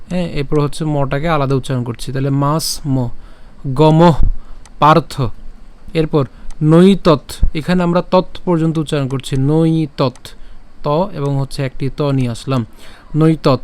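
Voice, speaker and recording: A man teaching how to pronounce a scripture verse, breaking words into syllables, repeating them and pausing with "ah" fillers. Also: a little high, smooth. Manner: chants verse words slowly and louder. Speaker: Gita recitation teacher. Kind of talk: slow pronunciation lesson.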